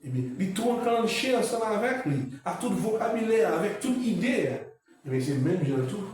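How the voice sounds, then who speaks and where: A man's voice: high-pitched, big pitch swings, moderate pace, darkish tone. A man with a Haitian accent giving a university lecture, switching between French and Creole and repeating key points with emphasis. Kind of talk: classroom lecture.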